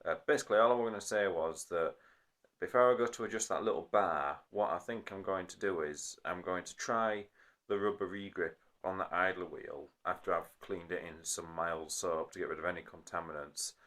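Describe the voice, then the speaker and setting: A hobbyist video maker with a low, fairly bright voice speaks briskly into a phone recording. He explains a repair casually, rambling and frequently apologizing as he corrects himself.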